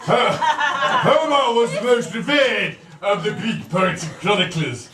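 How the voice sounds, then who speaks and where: A man as a shrill, camp pantomime wine god. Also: big pitch swings, measured pace. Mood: mock-grand. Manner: camp, theatrical, mock-lecturing, crude asides. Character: camp, bawdy Bacchus, Roman wine god and pantomime storyteller. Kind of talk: live comic pantomime monologue. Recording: echoey, distant live stage recording, noisy audience. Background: loud laughing audience.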